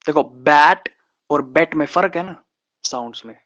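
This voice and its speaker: Slow, patient man teaching a lesson. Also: a little high, fairly bright tone. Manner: slow and drawn out, repeating sounds and example words. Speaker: shorthand teacher. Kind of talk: online lesson. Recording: slightly dull, lo-fi sound.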